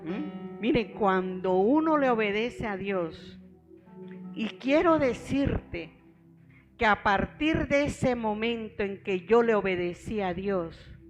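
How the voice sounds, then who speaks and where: A woman's voice: mid-range voice, expressive, takes it slowly, soft background music. A middle-aged woman pastor preaching a sermon, telling her own story and calling her listeners beloved brothers.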